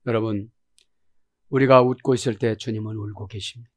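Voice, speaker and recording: A male pastor delivering a sermon, dropping to soft, low asides and then rising into loud, emphatic cries. He keeps prompting his listeners with short questions as he preaches. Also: fairly even intonation, brisk. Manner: emphatic preaching with frequent "네?" check-ins to the congregation; swings between quiet murmuring and loud exclamations.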